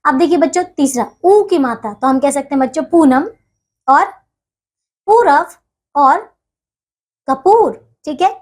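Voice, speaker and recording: A woman's voice: high voice, moderate pace. A woman teaching a grammar lesson to young children, talking patiently and checking in with them again and again. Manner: patient, repeats checks with listeners often.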